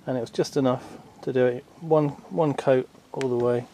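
The voice here is medium-pitched and dark, steady in tone and moderate in pace, with a touch of hiss or hum. A boat renovation vlogger shoots his repair outdoors in a garden workshop on a handheld camera, giving loose, self-deprecating how-to commentary full of ums.

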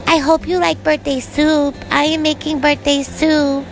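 A woman voicing an excitable little boy bear cub with an eager, childlike way of exclaiming, in a storybook reading. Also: high-pitched, measured pace, voice pushed up. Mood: cheerful.

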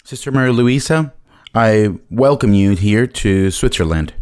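A man interpreting a testimony live in a church hall, measured and plain, holding a handheld mic. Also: on the low side, animated, a little mellow, clean tone.

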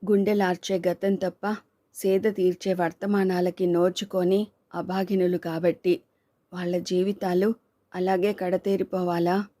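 A devoted, idealistic husband and writer in a storybook reading, tender and earnest, as a woman reader puts him on. His lines sit in a mellow, flat register with little rise or fall. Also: on the low side, measured pace, lightly acted.

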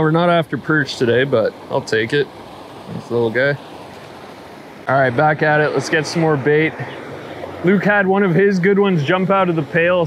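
A man, chatting excitedly to viewers while fishing on a riverbank, recorded on a head-mounted action camera. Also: fairly high pitch, slight background noise. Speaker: fishing vlogger. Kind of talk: casual fishing vlog commentary. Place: outdoors on a riverbank and lakeshore.

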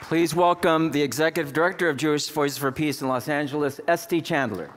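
A middle-aged man hosts an awards dinner from a podium microphone in a large banquet hall, giving a rousing, emphatic, slow speech that builds to proud introductions as he presents an award. His voice is a little high, and the recording carries heavy background noise, long hall reverb and a faint crowd.

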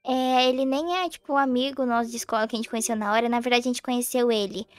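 A woman's voice: on the high side, steady tone, quick pace, clear, resonant tone, no room sound, pitched below the performer's own voice, natural voice. A woman playing a talkative teen daughter in a Roblox role-play story, pleading and rambling through long explanations.

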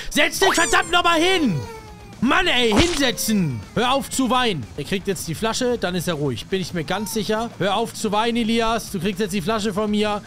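High-voiced guy doing a let's play as a grumpy babysitter, bossy, yells a lot, faint music under it. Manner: bursts into loud shouting, bossy and comic. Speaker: gaming YouTuber. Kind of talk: let's play commentary in character.

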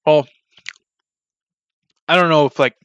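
A man's voice: on the high side, steady tone, slow, fairly bright tone, clear, resonant tone, dry recording. A man giving casual gameplay commentary as a gaming YouTuber, rambling bluntly with many ums and restarts. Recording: slightly dull, dry recording.

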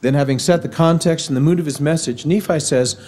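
A formal devotional address comes from a middle-aged man at a podium microphone in a sizable university auditorium. Measured and earnest, he speaks with a mellow, warm Missouri accent in a voice that's slightly high.

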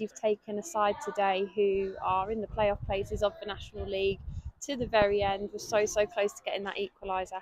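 Brief: female sports interviewer, steady flat intonation, long winding questions. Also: mid-range voice, rough recording. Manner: long multi-part questions. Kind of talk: post-match interview questions.

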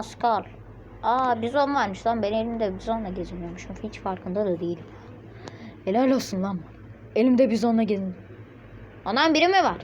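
A woman's voice: medium pitch, darkish tone, highs cut off, a little hiss or hum. A woman giving casual gameplay commentary on a mobile game, chatting to viewers and blurting out sudden yelps and insults at opponents. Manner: chatty running self-talk to viewers.

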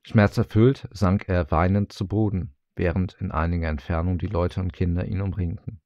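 A man reading fairy tales aloud in an expressive storybook style that rises with the drama. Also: sits low, normal speed, no room sound, highs cut off. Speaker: audiobook reader.

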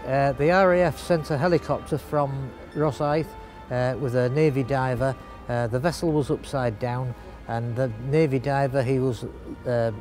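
A man's voice: medium pitch, darkish tone. An older man giving a local history talk in front of a brick wall, explanatory and hesitant with many fillers. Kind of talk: spoken local history presentation.

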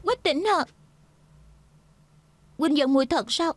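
A woman's voice: high-pitched, takes it slowly, dry recording. A woman dubbing a playful, clever young woman in a TV drama, teasing and pleading by turns. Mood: tender. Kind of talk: dubbed TV drama.

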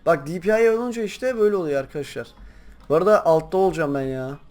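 A young man chatting casually while playing a game, rambling to his viewers and breaking into loud excited shouts. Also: on the high side, quick pace. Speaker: gaming YouTuber. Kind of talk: casual gameplay commentary.

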